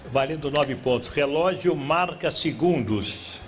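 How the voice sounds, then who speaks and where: Apresentador brasileiro de voz um pouco aguda. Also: male voice, fairly high pitch. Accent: Brazilian Portuguese. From Brazil. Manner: reads clues slowly, teasing contestants. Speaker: game show host. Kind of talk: live TV game show hosting. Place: TV studio with live audience. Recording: clear background noise from a TV studio.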